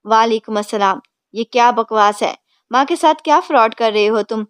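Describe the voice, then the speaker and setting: A woman voicing a blustering older father, startled and gruff but quickly cowed by his wife. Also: sits high, fairly bright tone, dry recording. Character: blustering rich older father, easily flustered.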